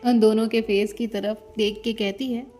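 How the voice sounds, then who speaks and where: A woman narrating an audio love story with steady, expressive storytelling. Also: a little high, moderate pace. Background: faint music.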